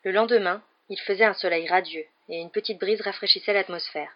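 A woman reading an audiobook in a steady, measured way, in a dull lo-fi recording. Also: mid-range voice. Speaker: audiobook reader. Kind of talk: audiobook narration.

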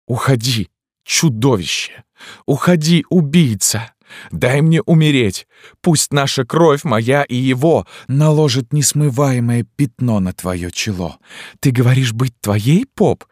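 A man with a deep voice reading an audiobook and voicing a proud, furious young woman prisoner who swings from icy coldness to screaming rage. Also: animated, normal speed, hardly any pauses, a little mellow, no room sound, studio quality, close to an everyday voice. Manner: cold, then screaming in rage.

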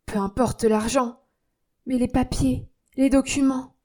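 A woman's voice: mid-range voice, fairly even intonation, slow pace, dark tone, close to an everyday voice. A woman reading aloud voices a young heroine who speaks in short, urgent phrases. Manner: urgent, brief. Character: brave, anxious young Parisian lady.

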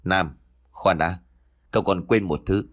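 A man reading a story aloud and voicing a ruthless rich boss who speaks slowly in a commanding, threatening way. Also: deep voice, a bit bright. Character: ruthless rich older hospital boss, menacing.

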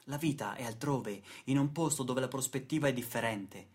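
With music playing behind him, a man who acts on stage and narrates performs a solemn, rhetorical radio theatre monologue from a script. He has a medium-pitched, slightly mellow and breathy voice and keeps a moderate pace.

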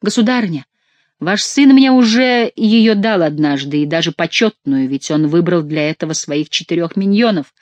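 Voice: medium pitch, expressive, normal speed, no echo, muffled recording, lightly acted. A reader voicing a proud young prince, sulky and wary, in a theatrical audiobook reading.

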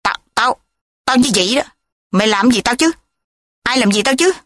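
Woman reader as rebellious daughter, sharp and scornful, dry close sound. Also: fairly high pitch, expressive, normal speed, dry recording, pitched above the performer's own voice. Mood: defiant.

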